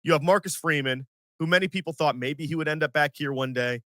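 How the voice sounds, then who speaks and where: A man in his forties with a bright, forceful voice and a slightly high pitch, hosting a sports podcast. He tells his stories in an animated, self-mocking way and puts on other people's lines as he goes. The sound is dry and close. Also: fairly quick, no echo. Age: 40s. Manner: animated, self-mocking storyteller who acts out quotes. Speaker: podcast host. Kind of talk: casual sports podcast storytelling.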